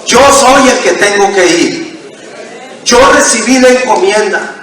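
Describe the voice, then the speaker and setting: A man's voice: sits high, measured pace, fairly bright tone. A man preaching a sermon as pastor, emphatic and calling on the congregation to answer back. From Mexico. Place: church sanctuary. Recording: echoey church hall from far off.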